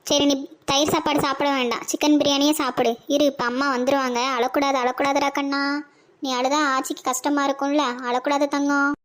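A woman's voice: high voice, little pitch movement, brisk, close to an everyday voice. A woman voicing a bossy old grandmother in a cartoon, nagging. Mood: fretting. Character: scolding old village grandmother. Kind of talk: cartoon voice acting.

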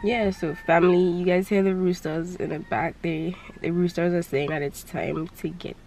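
A young woman vlogging casually from her car, with a low, nasal morning voice and a chatty, candid manner. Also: fairly even intonation, moderate pace, creaky, a little mellow, a little hiss or hum. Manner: chatty, candid, laughs easily. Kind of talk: casual vlog chat.

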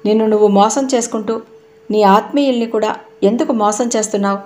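A woman's voice: mid-range voice, steady tone, fast, darkish tone, natural voice. A woman narrator voicing a stern, sarcastic young husband who fires accusing questions.

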